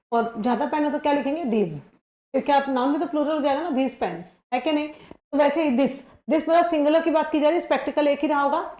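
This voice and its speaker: A woman teaching an exam-prep grammar lesson, explaining step by step and often checking in with her students while she reads example sentences slowly. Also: high voice, a little mellow, reverberant.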